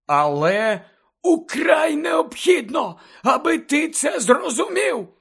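A man's voice: very high voice, expressive, a little slow, creaky, pitched above the performer's own voice, exaggerated voice. Dumbledore: a man doing a fervent old wizard. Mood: impassioned. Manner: urgent, emphatic lecturing, often raised to near shouting. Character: elderly male wizard headmaster, fervent and impassioned. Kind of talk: audiobook character reading.

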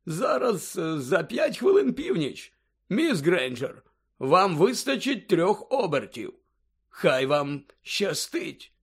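A man voicing a calm, kindly old headmaster in an audiobook, speaking slowly and measured. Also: sits high, slightly rough, pitched above the performer's own voice, full character voice.

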